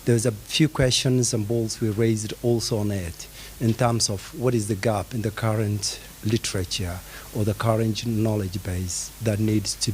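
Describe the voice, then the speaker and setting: A man's voice: lowish voice, a little mellow, slight background noise. A man presenting his group's conclusions at a conference, earnest and searching for words.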